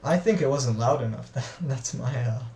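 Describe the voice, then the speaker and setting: Gravelly man far from the mic. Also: medium pitch, mellow. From grew up in the US, Australia and Israel. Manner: halting, many restarts and fillers. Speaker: interviewee. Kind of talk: casual conversation. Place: lives in Israel. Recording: roomy far-off audio with faint noise.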